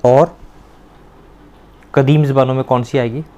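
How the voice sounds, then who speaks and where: A man teaching Persian to children, repeating words slowly and questioning his pupils. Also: mid-range voice, steady tone, mellow. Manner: patient, repeats words slowly to drill pronunciation; asks the pupils questions and praises answers.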